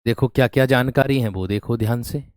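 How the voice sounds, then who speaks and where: A man's voice: mid-range voice, a little fast, a little mellow, no echo, clean studio sound. A man teaching grammar in an online exam-prep class, explaining step by step and repeating each question to his students.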